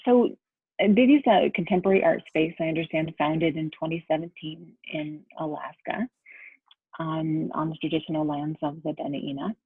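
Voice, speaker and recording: Hosting a video call interview, an arts center's artistic director sounds curious and stumbles a little over her words. Her low, husky voice moves at normal speed with no echo, through tinny, phone-like audio.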